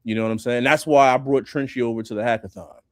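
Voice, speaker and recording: A man chatting casually on a video call about building for a hackathon, animated, dropping "bro" and "you know what I'm saying" often. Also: medium pitch, fast, clear, resonant tone, no room sound, studio quality. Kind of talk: casual chat.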